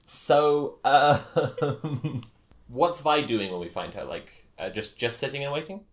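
A man narrating an improvised tabletop game as game master, with a halting, hesitant delivery. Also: mid-range voice, animated.

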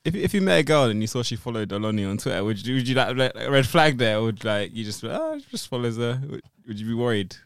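A man's voice: mid-range voice, sing-song, fast, few pauses, smooth, dry recording, studio quality. A man co-hosting a podcast in casual conversation. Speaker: podcast co-host. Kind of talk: casual chat.

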